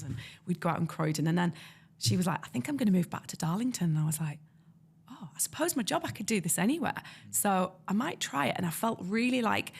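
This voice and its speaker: A woman's voice: lowish voice, gravelly, husky. A woman from North East England with a North East English accent, a guest illustrator telling stories in a casual interview and acting out the voices of people she quotes. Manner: lively, acts out quoted voices.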